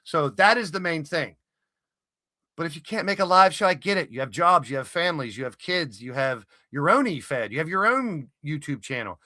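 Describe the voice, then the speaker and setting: A man's voice: a little high, lively intonation, moderate pace, sharp tone, no room sound, clean studio sound. A man hosting a live stream, talking casually and explaining things step by step with many fillers. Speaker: stream host.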